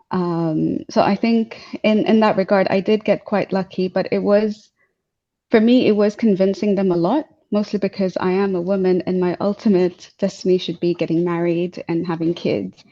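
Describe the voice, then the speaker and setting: A young woman from Tanzania, appearing as a guest speaker in a casual video-call interview, sounds hesitant, with many fillers and restarts. Her voice is on the low side and warm, carried by dull lo-fi call audio.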